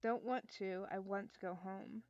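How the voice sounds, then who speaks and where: A woman voicing a feverish, dazed young woman who speaks faintly and haltingly. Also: mid-range voice, steady tone, darkish tone, no room sound, lo-fi sound, close to an everyday voice. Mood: weak.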